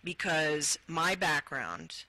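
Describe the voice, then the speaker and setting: A woman author, interviewed as a guest, who reads from her own book in a slow, deliberate way. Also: deep voice, big pitch swings, sharp tone, no room sound, rough recording. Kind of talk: interview and reading from her memoir.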